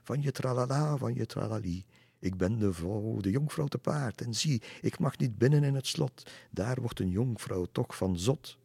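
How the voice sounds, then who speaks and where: A man voicing a crazed, lovesick noblewoman ghost who sings and shouts from horseback in a storybook reading. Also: very animated, a little slow, creaky, breathy edge, no echo, studio quality, big-room sound, heavily acted. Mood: sing-song. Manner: shrill, sing-song.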